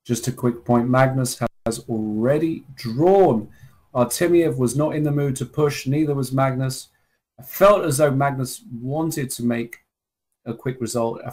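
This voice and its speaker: A man's voice: mid-range voice, measured pace, darkish tone, low-quality recording. A man giving live chess commentary in conversational, clipped phrases.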